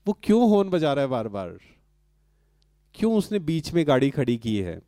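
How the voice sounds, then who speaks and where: A man's voice: fairly high pitch, big pitch swings, normal speed, warm tone, no echo, clean studio sound. A man giving a spiritual talk to a live audience, asking questions and answering them himself. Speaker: spiritual speaker addressing an audience.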